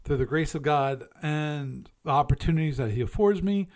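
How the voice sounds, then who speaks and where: A man's voice: on the high side, expressive, moderate pace, a little mellow. A man hosting a casual solo show, musing aloud and correcting himself as he reviews and chats. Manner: musing, self-correcting, chatty. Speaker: podcast host.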